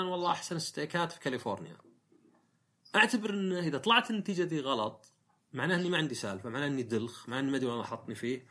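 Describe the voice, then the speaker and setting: Husky fast-talking man. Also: mid-range voice, pushed and bright. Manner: reflective, rambling, frequent fillers and self-corrections. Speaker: podcast host. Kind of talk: casual monologue podcast.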